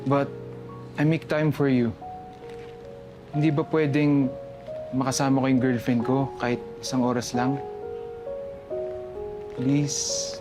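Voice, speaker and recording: Actor as apologetic boyfriend, slow and pleading, TV drama with music bed. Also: male voice, medium pitch, level tone, lightly acted. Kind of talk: TV drama acting.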